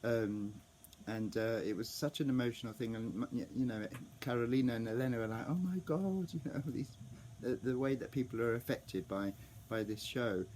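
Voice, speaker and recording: A man's voice: medium pitch, steady tone, normal speed, a little mellow, a little hiss or hum. A man telling a casual vlog story, rambling with many restarts and fillers, sometimes acting out the people he overheard. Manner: rambling, full of restarts and ums; acts out overheard fan reactions. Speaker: vlogger.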